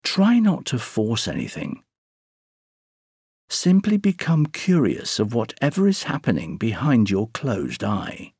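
A man slowly guiding a sleep meditation, counting breaths in a soothing, drawn-out way with long pauses. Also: mid-range voice, sing-song, gravelly, a little mellow, slightly rough, dry recording, clean studio sound. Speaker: meditation guide.

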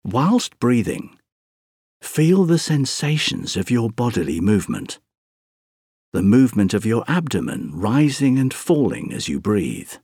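A man narrating a scripted guided sleep meditation, speaking softly and breathily in a soothing, gentle, unhurried way with long pauses. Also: medium pitch, sing-song, husky, no echo, clean studio sound.

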